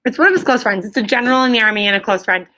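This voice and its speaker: An elementary school teacher reads aloud to her class, a woman with a slightly high, bright voice and a forceful tone. She races along instructively, stopping to prompt her pupils with check-in questions.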